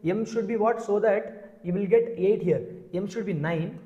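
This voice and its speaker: High-voiced Telugu-accented man teaching maths, echoey room. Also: moderate pace, mellow, lo-fi sound. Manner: repeated check questions to the class. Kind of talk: exam lesson, explaining step by step.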